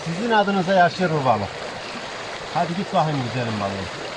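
A man's voice: a little high, very animated, normal speed. A cheerful young man speaking outdoors on a stream bank, heard from a few steps away through the camera filming him. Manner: cheerful, affectionate toward the fish he releases. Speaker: fishing companion. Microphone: camera held by the other man, some distance away. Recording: outdoor camera audio with loud stream noise.

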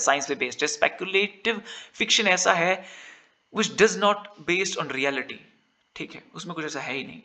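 Echoey teacher, going over exam answers. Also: male voice, a little high, vocal fry, pushed and bright. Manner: mixes Hindi and English, repeats answers aloud. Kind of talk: lecture walking through exam answers.

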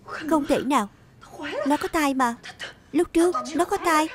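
A woman giving a single-voice dub reading of a drama, reading every role in an even, plain way. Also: high voice, a little slow, crowd noise. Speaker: voice-over dubbing narrator. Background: drama soundtrack music.

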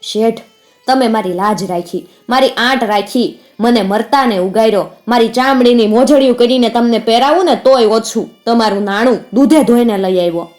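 A woman's voice: fairly high pitch, normal speed, a little mellow, faint music behind, close to an everyday voice. A woman voicing a grateful older merchant who pleads in a choked, emotional way. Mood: pleading.

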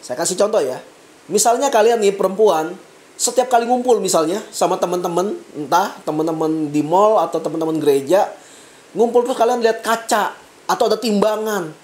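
A woman vlogger telling a story in a casual, slangy monologue, dropping to low asides and rising into emphatic bursts. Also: a little fast, a little mellow, a little hiss or hum. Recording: echoey room.

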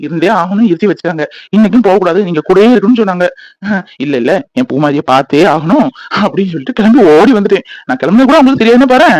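A man's voice: sits high, expressive, darkish tone, dry recording, poor audio. A man voicing a loving young husband in a cartoon, earnest and reassuring. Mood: soothing. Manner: soothing, coaxing, explaining quickly.

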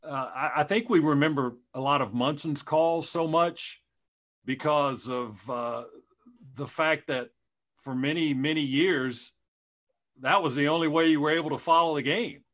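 A man's voice: on the high side, unhurried, a bit bright. A middle-aged man, a radio play-by-play announcer, chatting casually on a video call and rambling through stories with many restarts.

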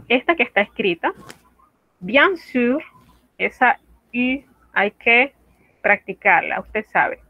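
A woman French teacher giving an online lesson, explaining phrases carefully and repeating each one slowly for practice. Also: a little high, fairly bright tone. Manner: slow, careful drilling of phrases with repetition. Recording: dry, phone-like narrow sound.

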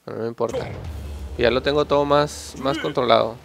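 A young man giving excited, joking gameplay commentary and swearing at his opponents. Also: medium pitch, a little fast, gravelly, music in the background. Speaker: gameplay channel host.

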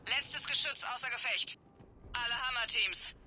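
A man's voice: extremely high pitch, moderate pace, noisy background. An actor playing a male soldier who reports over a sci-fi radio communicator in a clipped, military way. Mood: brisk.

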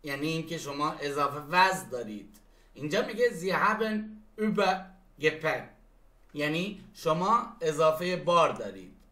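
A man teaches German phrases, saying each German sentence slowly before explaining it. His voice is high and bright. The room around him is echoey. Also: sing-song. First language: Persian. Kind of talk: language lesson.

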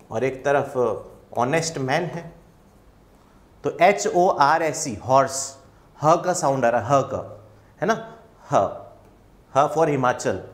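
Indian man, young, English teacher, online class, fairly high voice, calm and patient, answers his own questions.

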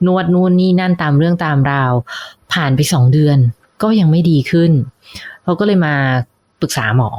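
A woman physician hosting a podcast interview, friendly and polite in a chatty way. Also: low-pitched.

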